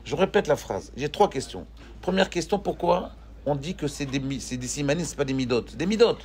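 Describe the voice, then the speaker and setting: Casting: rabbi, slightly high voice, lively and questioning with his class. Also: brisk. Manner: animated, questioning, joking with students. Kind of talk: lively Torah class with students.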